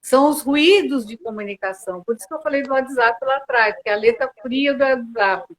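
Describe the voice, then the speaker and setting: A woman's voice: high voice, brisk, low-quality recording. A Brazilian woman mediator answering interview questions earnestly, often restarting with hesitant fillers, on a video call. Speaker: mediator and guest.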